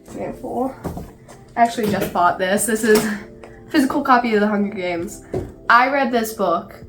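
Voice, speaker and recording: A woman's voice: mid-range voice, normal speed, over music. A woman with a cold and a stuffed-up nose, chatting casually about books on her vlog in her small home library, filling her talk with "like". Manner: chatty, lots of "like" fillers. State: sick and stuffed up. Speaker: book vlogger.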